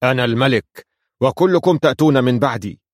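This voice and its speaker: Man doing raging chess king, shouting orders, raised voice, dry sound. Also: medium pitch, lively intonation, fairly quick, dry recording, lightly acted. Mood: haughty angry. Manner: shouting, commanding. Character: angry tyrannical chess king, male.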